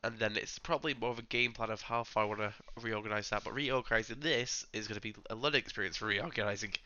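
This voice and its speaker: A man, hoarse and croaky from being ill, chatting casually as he plays and talks to his viewers. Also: on the low side, steady tone, fast, sharp tone, highs cut off. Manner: chatty, rambling, talks to viewers and to game characters. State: hoarse from illness. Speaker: gaming channel host. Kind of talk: casual gameplay commentary.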